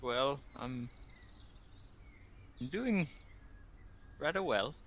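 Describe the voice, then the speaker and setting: A man's voice: medium pitch, animated, drawn-out words, fairly bright tone, dull audio, a little hiss or hum. A man voicing a polite but haughty undead adventurer in a tabletop game, formal and theatrically disdainful. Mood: polite curiosity. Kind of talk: tabletop game role-play.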